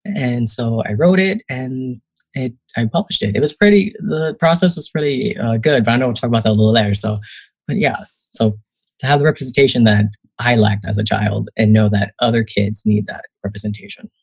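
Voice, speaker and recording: Recorded dry, a young adult guest author from New Jersey talks a little fast at medium pitch, his voice creaky with a breathy edge. It's a casual interview, and he chats with many fillers and acted-out quotes.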